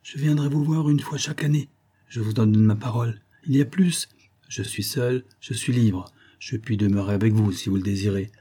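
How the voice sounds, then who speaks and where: A man narrating a classic novel aloud, voicing its characters with lively shifts in pitch. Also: normal speed, slightly rough. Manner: reads dialogue with lively raised pitch for each character. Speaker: audiobook reader.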